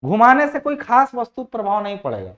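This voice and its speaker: A man's voice: very high-pitched, wildly swooping pitch, a little fast, a bit bright. A man teaching engineering in a chatty classroom lecture. He repeats phrases, asks his students questions and slips English technical terms into his sentences. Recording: dull lo-fi recording.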